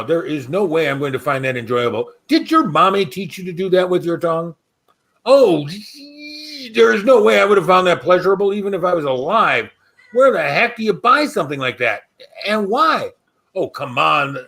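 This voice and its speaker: A man reading his own darkly comic horror story in the first person, sarcastic and expressive. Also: on the high side.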